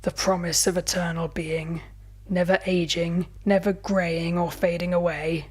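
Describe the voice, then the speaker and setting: A woman's voice: on the low side, level tone, unhurried, darkish tone, breathy edge. A woman voicing a seductive, menacing male vampire with a thick, purring, salivating drawl. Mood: seductive menace.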